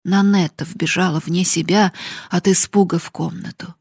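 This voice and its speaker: A woman narrating a classic novel as an audiobook in a measured, dramatic way. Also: lowish voice, fairly even intonation, darkish tone, breathy edge, no echo, clean studio sound. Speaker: audiobook reader.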